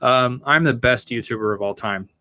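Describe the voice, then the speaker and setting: A young American man hosts a podcast livestream from a small room, speaking into a stand-mounted studio mic in front of him. His medium-pitched voice is sharp and moderately paced, with no room sound. He answers chat casually, joking crudely and swearing a lot.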